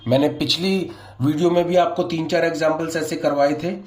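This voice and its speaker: A male English grammar teacher who explains an exercise, asks questions and answers them himself, and reads the example sentences slowly, word by word. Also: on the high side, fairly even intonation, darkish tone. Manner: addresses viewers as guys. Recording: echoey room.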